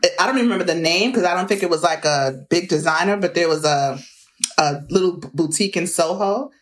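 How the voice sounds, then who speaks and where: A middle-aged woman with a fairly low voice tells lively stories from her life. She laughs often and talks in a loose, conversational way as an interview guest. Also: quick pace. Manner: laughs often, animated anecdotes. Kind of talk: conversational storytelling.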